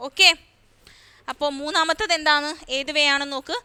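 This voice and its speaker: A woman's voice: high voice, fairly even intonation, normal speed, bright, forceful tone. A woman teacher with a Malayali accent, explaining a lesson step by step for children, repeating key words and asking questions. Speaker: school English teacher.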